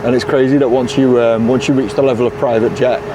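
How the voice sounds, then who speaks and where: Young man talking to camera in a casual vlog, upbeat and loose, sprinkling in swear words and laughs. His voice sits at an ordinary middle pitch, with street and traffic noise audible clearly behind him. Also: little pitch movement, fast talker. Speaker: DJ and vlog host.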